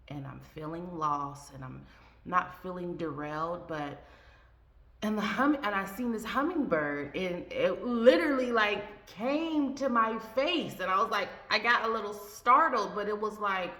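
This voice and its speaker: A woman's voice: on the low side, animated, measured pace, sharp tone. A woman talking casually and from the heart in a faith vlog, rambling with many fillers and restarts. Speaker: vlogger. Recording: echoey room with faint ambient noise.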